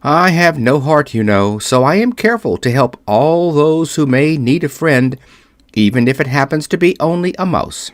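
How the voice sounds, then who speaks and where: A kind, modest tin man answers in a calm, courteous voice, read by a male narrator. The delivery is close and dry. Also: on the high side, moderate pace, no room sound, close to an everyday voice. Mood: gentle.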